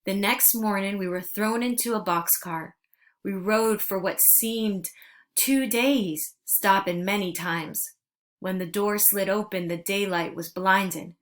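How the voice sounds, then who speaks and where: A woman narrating a storybook aloud, steady and earnest. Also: mid-range voice, slow.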